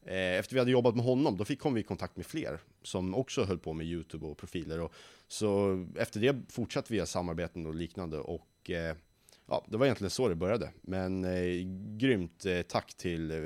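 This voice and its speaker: A man's voice: low-pitched, dry recording. A nineteen-year-old man, a young company founder, telling stories in a casual interview and acting out the people he quotes. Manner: lively storyteller who acts out quoted voices.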